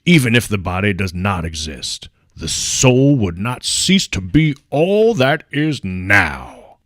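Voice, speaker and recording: A man's voice: on the low side, sing-song, slow, fairly bright tone, no echo, clean studio sound, heavily acted. A man doing an old-timey voice as a stately male orator, declaiming in a theatrical way. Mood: grandiose.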